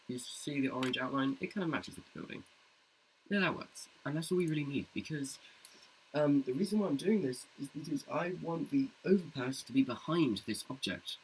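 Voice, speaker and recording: Here a man with a slightly bright voice shows his CG work in an informal tutorial, talking through the scene with self-mocking humor and playful movie-trailer-style lines. Expect low-quality audio, a little background noise, and steady keyboard and mouse clicks.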